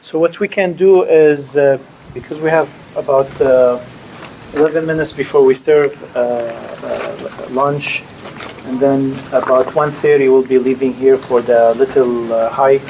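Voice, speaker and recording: A man's voice: mid-range voice, steady tone, measured pace, creaky, a little mellow, low-quality recording. A man organizing a field trip gives students the schedule and introduces speakers. He talks in a stop-start way with many fillers. A faint noise sits behind his voice. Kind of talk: announcements to students.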